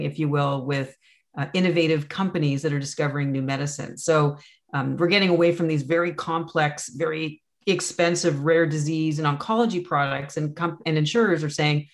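An interview host with a mid-range voice frames long, winding questions. The host reaches the point slowly, padding the question with fillers and asides. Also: mid-range voice.

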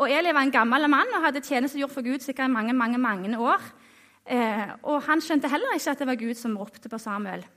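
A woman delivers a sermon to her own congregation in a high, light voice. She talks hesitantly, often pausing on fillers and restarting her sentences. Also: a bit bright. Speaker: lay preacher.

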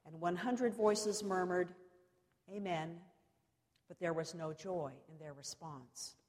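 A woman preacher delivering a cathedral sermon in measured, solemn oratory, pausing deliberately between short phrases. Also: fairly low pitch, darkish tone. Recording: long reverberant echo of a large hall.

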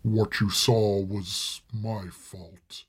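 A vast old dragon from a spoken storybook, calm and weary, rumbling in a low, husky voice that a man puts on. He takes his time over every word, heavy and measured. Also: heavily acted. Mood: grave. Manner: deep rumbling, slow and measured. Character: huge ancient male dragon, calm and world-weary.

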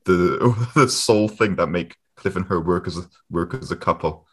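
A man's voice: sits low, normal speed, husky. A man who is a guest on a podcast, chatting casually and laughing often. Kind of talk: casual chat.

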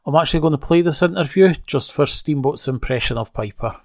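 A man's voice: on the high side, a little fast, creaky, dry recording, clean studio sound. A man casually recapping an old wrestling broadcast, conversational with wry asides. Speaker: wrestling show reviewer.

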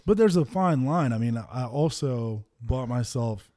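A football player in his twenties co-hosts a podcast, casually chatting and telling stories while laughing easily. His mid-range voice is dark in tone, unhurried, and lively in intonation, with a laid-back storytelling manner.

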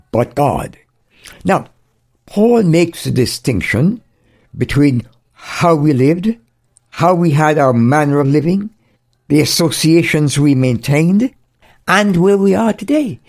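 A man's voice: fairly high pitch, darkish tone. A man preaching an earnest radio sermon as a Bible teacher, with emphatic repetition.

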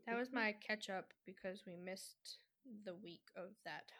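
A young woman in casual chat with a friend, chatty and animated, laughing easily. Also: mid-range voice, unhurried.

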